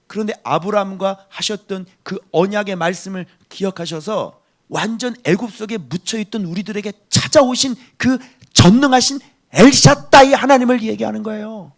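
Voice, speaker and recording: A middle-aged male pastor preaching a sermon, emphatic, swinging between loud outbursts and hushed asides. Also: sits high, normal speed.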